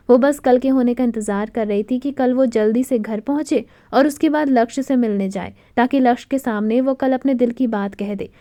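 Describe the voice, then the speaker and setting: A woman with a high, mellow voice narrates a romantic story expressively. The recording is dry and close, with no room sound. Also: dry recording. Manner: expressive, dramatic reading.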